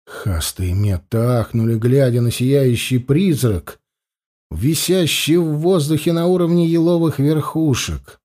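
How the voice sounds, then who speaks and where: A man's voice: medium pitch, measured pace, dark tone. A man narrating an adventure audiobook expressively, doing voices for the characters.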